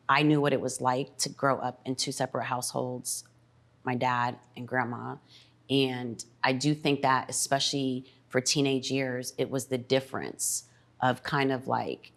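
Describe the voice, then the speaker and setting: Middle-aged woman, very low voice, reflective and candid, thinking aloud. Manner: reflective, pauses with ums. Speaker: mother, podcast guest. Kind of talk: emotional family conversation.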